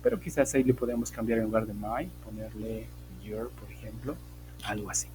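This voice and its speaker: A man's voice: lowish voice, fairly quick, music in the background, poor audio. A male English teacher, giving an online class and explaining grammar step by step, checking in with frequent "ok?". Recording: faint background hum.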